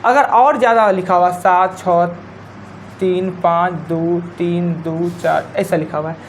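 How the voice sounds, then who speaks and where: A woman's voice: on the low side, steady tone, a little slow, slight background noise. A woman teacher with a Bihari Hindi accent gives a live classroom lecture. She explains step by step, counting digits aloud and repeating her key points.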